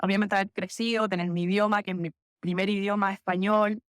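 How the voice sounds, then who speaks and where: A young Chilean woman, a physiotherapist, appears as a guest on a casual podcast, telling stories in a Chilean Spanish accent. Her medium-pitched voice is fairly quick, her manner chatty and animated with laughs and self-corrections, and the recording is dry and studio quality.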